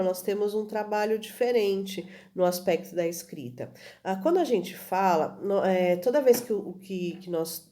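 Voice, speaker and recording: A woman teacher explains at an easy pace in a recorded video lesson, often checking in with her students by asking "tudo bem?". She uses many fillers and restarts, and her medium-pitched voice has a dark tone.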